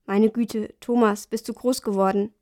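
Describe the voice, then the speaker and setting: A gaunt father just home from captivity, read by a woman narrator speaks quietly and hesitantly. His voice barely shifts from the reader's own. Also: mid-range voice, fairly even intonation, moderate pace, natural voice. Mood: moved.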